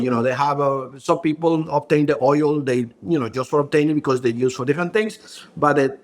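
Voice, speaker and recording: Brief: man, a co-founder, halting and searching for words, slightly high voice. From Ecuador. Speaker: brand co-founder and hairstylist. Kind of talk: podcast interview.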